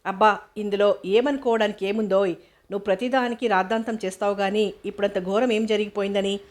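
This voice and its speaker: A woman's voice: mid-range voice, steady tone, fairly quick, darkish tone, lightly acted. A woman voicing an easygoing middle-aged father who teases his wife and brushes off her worries, in an audiobook reading. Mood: dismissive. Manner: teasing, dismissive.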